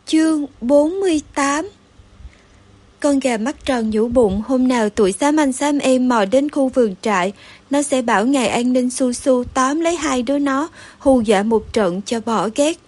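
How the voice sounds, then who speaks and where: A woman narrating a children's story aloud in a steady, expressive storytelling manner. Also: sits high, normal speed. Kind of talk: audiobook story reading.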